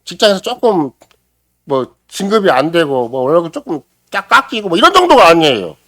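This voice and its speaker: Middle-aged male preacher delivering a sermon, hugely expressive pitch, dramatic loud-to-hushed swings, dry close recording. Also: a little fast, no room sound. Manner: preaches with sweeping swings between loud exclamation and hushed near-whisper; acts out quoted voices and prayers dramatically. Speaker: pastor. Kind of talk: Sunday morning sermon. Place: church sanctuary.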